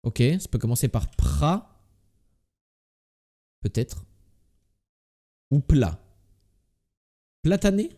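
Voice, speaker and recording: A man's voice: mid-range voice, very animated, extremely slow, pauses often, mellow. A man with a slight lisp on his s sounds, doing casual live game commentary as a streamer and muttering repeated word guesses to himself.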